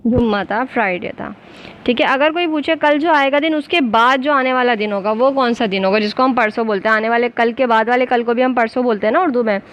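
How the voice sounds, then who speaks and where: A woman whose accent is Urdu gives a basic English class for beginners, going slowly and spelling out every letter with patience. Her pitch is slightly high, and the audio sounds dull.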